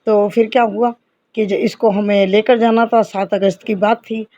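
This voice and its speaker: A middle-aged woman tells her devotional testimony in an earnest, personal way, acting out the dialogue as she goes. The room sound is dry, and the recording is slightly dull and muffled. Her pitch sits in an ordinary middle range. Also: steady tone, normal speed, mellow, no room sound. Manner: earnest, addresses listeners as companions, reenacts dialogue. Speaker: devotional storyteller.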